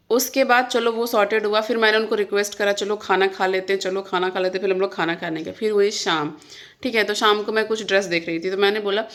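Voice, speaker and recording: A woman's voice: a little high, a bit bright. A young woman vlogger, talking casually to camera and venting, earnest and emphatic as she retells a fight. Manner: frustrated, venting. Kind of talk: casual vlog talk to camera.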